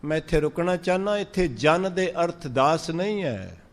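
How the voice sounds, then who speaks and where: A man with a Punjabi accent giving a sermon, drawing out verses slowly and then explaining them in lively speech. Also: a little high, in a large hall. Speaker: Sikh preacher. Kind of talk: sermon on scripture.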